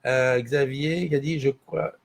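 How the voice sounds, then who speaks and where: A man's voice: mid-range voice, steady tone, unhurried, creaky. A man hosting a casual morning livestream from a small studio, rambling and answering viewer comments as he reads them. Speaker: livestream host.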